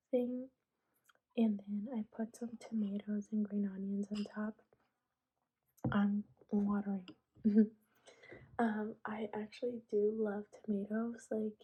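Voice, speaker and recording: A woman's voice: medium pitch, husky, low-quality recording. A young woman whispering her way through a casual ASMR eat-with-me video, with lots of fillers. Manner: soft whisper with many fillers. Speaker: ASMR creator.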